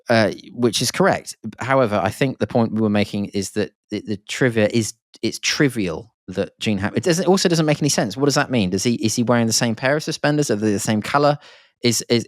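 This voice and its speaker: A man's voice: on the low side, no echo, clean studio sound. A man hosting a podcast, rambling and enthusiastic, with lots of fillers and restarts. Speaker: podcast host. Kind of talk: casual podcast monologue.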